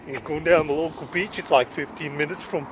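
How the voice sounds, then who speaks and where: A man's voice: a little high, fairly even intonation, brisk, background noise, voice pushed up, lightly acted. A Scottish man doing a parody of a laid-back male vlogger in sunglasses who is strolling to the beach, in a breezy, showy way.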